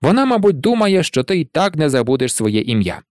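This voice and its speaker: A man voicing a joking teenage twin boy who teases quickly. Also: fairly high pitch, very animated, darkish tone, no echo, clean studio sound.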